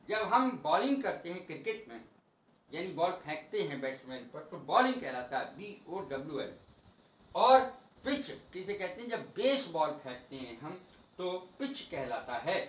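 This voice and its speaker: A man teaching English vocabulary in a slow, methodical lesson, spelling each word out letter by letter. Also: high voice, bright, forceful tone, roomy sound.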